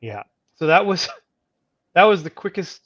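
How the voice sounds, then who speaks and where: Higher-voiced man, slightly dull audio. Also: very animated, measured pace, fairly bright tone, dry recording. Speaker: live show host. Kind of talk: casual livestream chat.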